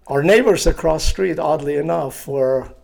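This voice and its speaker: Gravelly sixties guy from iraq, halting, lots of ums, interview. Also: a little high, a little mellow. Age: 60s. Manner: hesitant, halting, many fillers. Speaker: guest.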